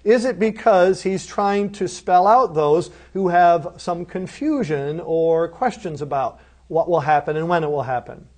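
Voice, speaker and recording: Middle-aged male professor with a high, lifted voice, teaching with emphasis. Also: measured pace, few pauses, darkish tone. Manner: emphatic, explanatory, asks rhetorical questions. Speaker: Bible professor lecturing. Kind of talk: recorded course lecture.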